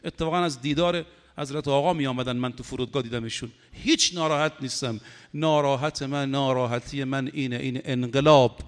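A man's voice: medium pitch, fairly even intonation, in a large hall. A man preaching a religious sermon, impassioned and building to emphatic peaks. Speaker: cleric preacher.

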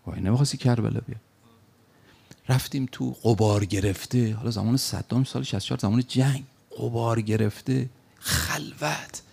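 Preaching emphatically, a man relates an anecdote and voices the people in it through acted quotes. He speaks at a medium pitch with a creaky, darkish tone and a breathy edge.

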